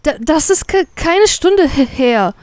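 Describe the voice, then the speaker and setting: A woman's voice: sits high, animated, slow pace, no room sound, voice pushed up. A woman voicing a frightened, defiant young woman held captive, who stammers as she speaks. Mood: stammering defiance. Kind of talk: fanfiction audiobook reading.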